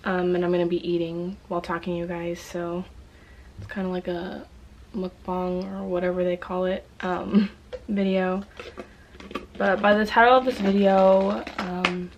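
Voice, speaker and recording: Young woman, casual bedroom vlog, tearful, soft-spoken, flat delivery, faint background noise. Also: lowish voice, unhurried, highs cut off. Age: young adult. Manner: emotional, tearful, soft-spoken with many ums. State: close to tears. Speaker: vlogger. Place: messy bedroom.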